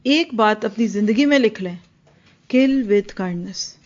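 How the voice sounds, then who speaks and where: A woman's voice: medium pitch, darkish tone. A woman giving an earnest religious lecture, acting out little scenes between mothers and children. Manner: earnest, acts out mothers and children in quoted asides. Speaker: religious teacher. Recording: dull lo-fi recording.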